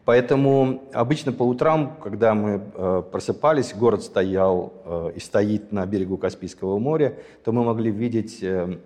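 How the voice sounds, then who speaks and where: Low, dark-voiced man in his sixties. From Azerbaijan. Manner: measured, thoughtful, pausing to search for words. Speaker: interview guest. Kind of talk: reflective personal storytelling. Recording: long hall reverb.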